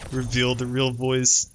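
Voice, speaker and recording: A man's voice: mid-range voice, fairly bright tone, a little hiss or hum. Stuffy-nosed male game streamer. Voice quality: nasal. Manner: joking, profane, laughs often. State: stuffed-up nose from allergies. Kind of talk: casual livestream gameplay chat.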